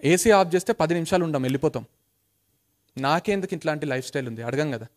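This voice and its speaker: Fast, emphatic man. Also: on the high side. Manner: emphatic, repeats phrases, mixes in English. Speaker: motivational speaker. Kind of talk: motivational storytelling.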